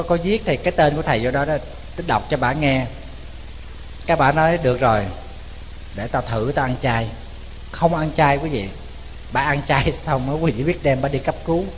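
A Buddhist monk with a Southern Vietnamese accent preaches in a lively, joking storytelling way, turning often to his listeners. His voice sits fairly high for a man. The sound rings with a long hall reverb over a faint hiss. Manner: lively, joking, addresses the audience directly. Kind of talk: storytelling sermon. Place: temple hall.

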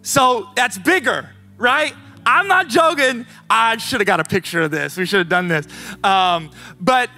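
High bright-voiced man preaching casually. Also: a little slow, faint music behind. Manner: animated, chatty, full of fillers and asides. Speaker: youth pastor. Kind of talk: casual storytelling sermon. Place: youth service.

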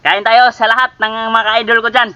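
A man's voice: very high-pitched, flat delivery, fairly quick, pushed and bright, clear, resonant tone, no room sound. A man from the Philippines chatting casually to viewers in a cooking vlog, calling them idols again and again. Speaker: cooking vlogger.

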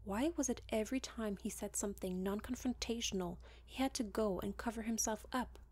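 A woman narrating a fan-fiction audiobook in a calm, steady reading voice. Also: mid-range voice, a little fast. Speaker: audiobook reader.

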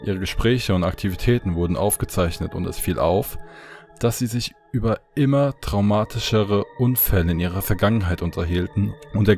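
A man narrating a horror story in a calm, measured way. His voice is low and dark in tone, and soft music runs quietly beneath him.

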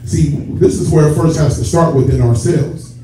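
A church elder delivers a sermon in a fairly high, warm voice at a moderate pace, chatting directly with the congregation and drawing out key words for emphasis. He stands in a sanctuary with a stage and rows of seats, picked up by a distant camera at the back of the hall. The sound is echoey, muffled and noisy, as if heard from far away.

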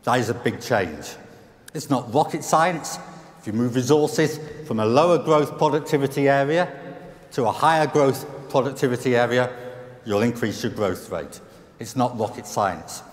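Middle-aged uk guy giving a punchy keynote on stage, mid-pitched, hall echo behind him. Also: moderate pace. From United Kingdom. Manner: emphatic, rhetorical questions, repeats punchlines. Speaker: chief economist giving a keynote. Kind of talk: conference speech. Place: large conference hall stage. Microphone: headset mic. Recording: roomy hall reverb.

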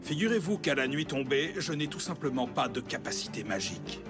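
Proud, courtly cartoon strongman, male actor, mid-pitched and lively, pompously polite and vain. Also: brisk, music in the background, lightly acted. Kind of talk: French anime dub.

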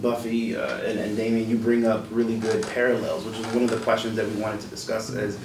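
A man moderating a group discussion in formal, academic wording with measured delivery. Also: on the low side, level tone. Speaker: discussion facilitator. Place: small indoor meeting room. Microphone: far camera or room mic. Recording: distant, echoey room, faint noise.

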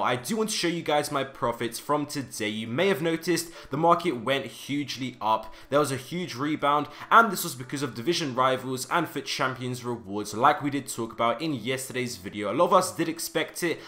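A young man with a bright, forward voice talks through game-market trading tips in a relaxed commentary style. He keeps stressing his verbs with an emphatic "do," which gives his talk a steady, insistent push. His pitch sits in the middle range for a man.

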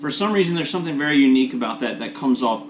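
A man's voice: mid-range voice, animated, rapid-fire, slight background noise. A man in his thirties chatting casually as a review co-host, opinionated and free with swearing. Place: small indoor lounge, on a couch. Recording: roomy echo, music behind.

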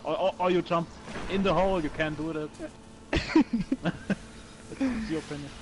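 A man with a German accent calls out short, blunt directions in imperfect English during a game raid. His voice sits a little high. The voice-chat line carries clear background noise. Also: lively intonation, unhurried. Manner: terse instructions in broken English. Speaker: raid player, tank.

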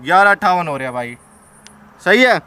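A young Indian man in his 20s hosts a vlog exploring haunted places, chatting to camera in colloquial speech and explaining things step by step. His voice is high-pitched, very animated, a bit fast and sharp. He's at a large derelict factory and its overgrown grounds at night, with echo and clear background noise.

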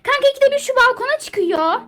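A woman doing a shrill, bossy, hyper young model. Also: lively intonation, brisk, pushed and bright, exaggerated voice. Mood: fussy. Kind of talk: game character role-play dub.

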